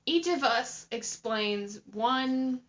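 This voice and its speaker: A woman's voice: on the high side, lively intonation, very slow, fairly bright tone. A young woman co-hosting a casual podcast, rambling and jokey with a curious manner. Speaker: podcast co-host. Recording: dull lo-fi home recording.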